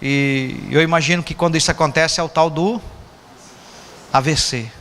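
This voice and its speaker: A man's voice: fairly high pitch, fairly even intonation, normal speed, fairly bright tone. A man with a Brazilian Portuguese accent preaching an informal sermon as pastor, joking and teasing his congregation. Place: church hall. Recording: echoey church hall, faint noise.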